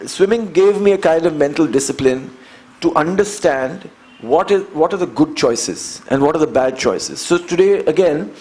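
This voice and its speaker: Slightly high-voiced Indian man in his fifties. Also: expressive, darkish tone, rough recording. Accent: Indian English. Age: 50s. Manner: earnest and measured, building points by repeating phrases. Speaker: guest, endurance athlete. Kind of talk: conversational storytelling interview.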